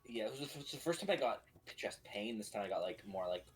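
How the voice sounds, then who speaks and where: A man's voice: lowish voice, animated, fast, over music. A man in his thirties chatting casually and rambling, filling his talk with "like.". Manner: rambling with many "like"s, laughs easily. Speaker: friend on the stream. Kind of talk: casual chat.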